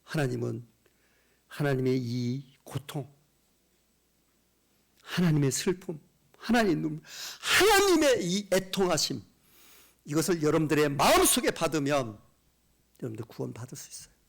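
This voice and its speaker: A male pastor preaching a revival sermon in church, impassioned, dropping to hushed whispers and rising to loud cries. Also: fairly high pitch, very animated, moderate pace, creaky, pauses often.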